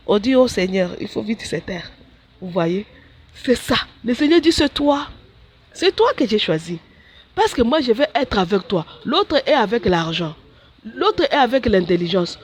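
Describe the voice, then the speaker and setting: A woman, a religious sister, preaching a sermon and acting out her own talks with God in a high voice. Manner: animated, jumps high when acting out dialogue with God.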